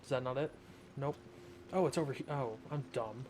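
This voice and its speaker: A gamer and streamer rambles to himself in wry, informal gameplay commentary. His medium-pitched voice runs at a normal speed over a noisy background of game music.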